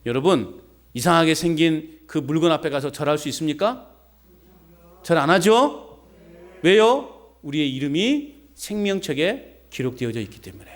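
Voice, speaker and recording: A man preaching a sermon as pastor, animated, with folksy rhetorical questions and call-and-response with the congregation. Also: on the high side, moderate pace.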